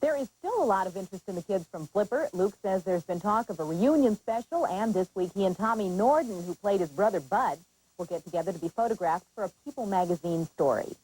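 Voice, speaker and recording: A woman narrates entertainment news from a script. Her medium-pitched voice moves with lots of variation, in the manner of a television presenter. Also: lively intonation, fairly quick, darkish tone, a little hiss or hum, rough recording.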